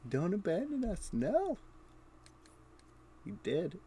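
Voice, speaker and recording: With a high, mellow voice, a game streamer is very animated yet slow-paced as he chats and mutters short fragments of thought while playing live. Quiet keyboard typing and mouse clicks are audible behind him.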